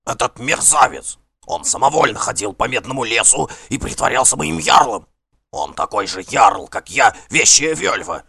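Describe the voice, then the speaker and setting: Frantic and high-pitched, this is a man doing a two-faced Norse king from an audiobook, begging and scheming in a gravelly, raspy voice. His pitch swings wildly as he pleads, and the sound is close and dry. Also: expressive, normal speed, bright, forceful tone, no room sound, exaggerated voice. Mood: indignant. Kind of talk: audiobook character voice.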